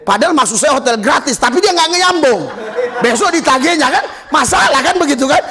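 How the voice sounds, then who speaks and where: A man's voice: very high voice, expressive, fairly quick, bright, forceful tone, some chatter behind. A male pastor telling stories in a sermon, acting out other people's voices as he goes. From Nias, Indonesia. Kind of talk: storytelling sermon. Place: church service.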